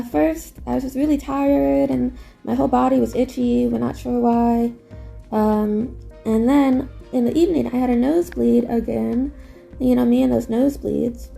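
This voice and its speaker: A woman's voice: high-pitched, gravelly, mellow. A woman giving a casual video diary as a patient, talking carefully because her mouth is sore and it hurts to speak. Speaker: patient vlogger.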